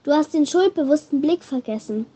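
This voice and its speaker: A woman's voice: sits high, lively intonation, fairly quick, dark tone. A woman voicing a friendly, cheerful young female teacher in a storybook reading, with welcoming calls.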